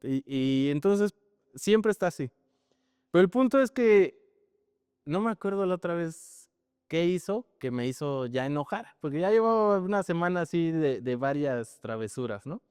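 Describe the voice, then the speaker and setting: A man's voice: a little high, normal speed, clear, resonant tone, no room sound, studio quality, big-room sound. A man preaching a sermon in a conversational, storytelling way, often tagging his sentences with questions. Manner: conversational, frequent tag questions, animated storytelling.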